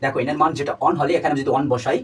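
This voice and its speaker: A man's voice: fairly high pitch, steady tone, racing. A man teaching a chemistry lesson. He talks to his students, asks them questions and drills terms by repeating them over and over. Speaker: chemistry tutor. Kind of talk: classroom lecture. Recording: distant mic with faint background noise.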